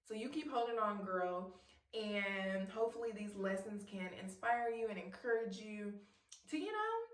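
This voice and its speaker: A woman's voice: mid-range voice, expressive, unhurried. A woman of about thirty speaks to her viewers in a heartfelt, chatty way, encouraging and open about her feelings. Her voice sits in a middle register. She sounds a little distant from the mic, in a room with a noticeable echo. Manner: warm and emotional, laughs at herself. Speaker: vlogger. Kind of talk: heartfelt casual talk to camera.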